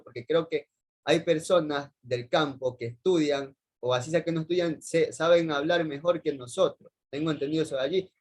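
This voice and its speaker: A man's voice: fairly high pitch, a little mellow. A young man with an Ecuadorian accent giving a rambling class presentation, full of hesitations and repeated phrases. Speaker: university student presenting. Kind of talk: class presentation over video call.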